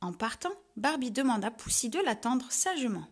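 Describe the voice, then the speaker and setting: A woman narrating a children's storybook in a lively, expressive way. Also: on the high side, moderate pace, breathy edge.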